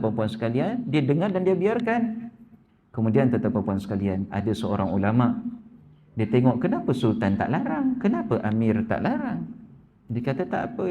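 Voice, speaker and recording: A man's voice: warm tone, a little hiss or hum. A man with a Malaysian Malay accent giving an evening lecture in a mosque, often turning to the congregation and acting out voices in the stories he tells. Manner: addresses audience repeatedly, acts out quoted voices with lifted pitch. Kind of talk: Malay religious sermon. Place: neighbourhood mosque prayer hall.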